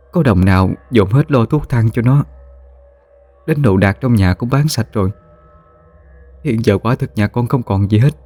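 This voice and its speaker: A man's voice: on the low side, warm tone, no room sound, natural voice. A man voicing a poor widowed mother who begs humbly in a told story. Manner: pleading, humble.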